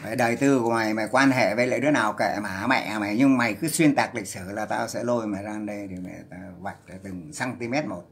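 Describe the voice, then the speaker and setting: A man's voice: fairly low pitch, quick pace, few pauses, fairly bright tone. A man ranting on a livestream, scolding and cursing in a heated voice. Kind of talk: angry livestream rant.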